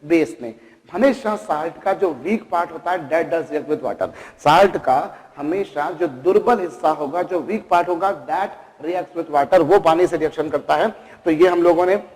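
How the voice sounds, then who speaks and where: In this classroom lecture, a male chemistry teacher with a fairly high, darkish voice throws rhetorical questions at his students and calls them kids. The recording echoes at length, like a hard-walled classroom.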